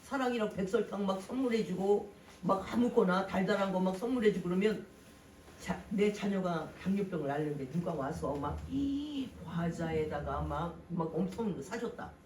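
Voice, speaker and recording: A pastor delivering a Sunday sermon with lively swings between loud and soft, posing rhetorical questions to the congregation. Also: mid-range voice, moderate pace, slight background noise. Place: church sanctuary. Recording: roomy hall from a distant mic, faint ambience.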